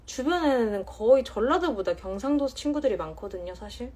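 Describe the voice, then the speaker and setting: Breathy woman chatting on a livestream. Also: on the high side, expressive, warm tone. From Jeonju, Korea. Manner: playful, teasing, drawn-out emphasis. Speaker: livestream host. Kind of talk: casual live-stream chat reading comments. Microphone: phone.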